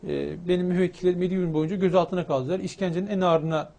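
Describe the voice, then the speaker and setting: A man's voice: sits high, steady tone, fast talker, dark tone. A man who is a lawyer, speaking emphatically in a talk show discussion. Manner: argumentative, emphatic.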